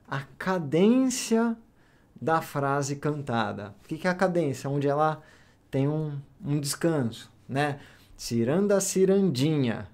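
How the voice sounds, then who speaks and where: A man's voice: a little high, darkish tone. A man teaching music theory, explaining patiently step by step, counting beats aloud and checking in with short questions.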